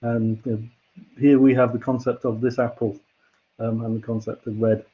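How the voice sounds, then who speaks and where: A man's voice: medium pitch, little pitch movement, normal speed, mellow, breathy edge, lo-fi sound. A man giving a university lecture, explaining ideas patiently and step by step with examples. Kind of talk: classroom lecture.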